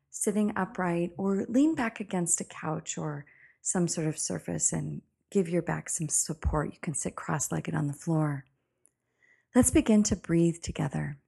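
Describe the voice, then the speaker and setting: Low, calm woman guiding meditation. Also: gravelly. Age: middle-aged. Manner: calm, meditative, soft and soothing with slow phrases. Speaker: podcast host. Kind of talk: guided breathing meditation.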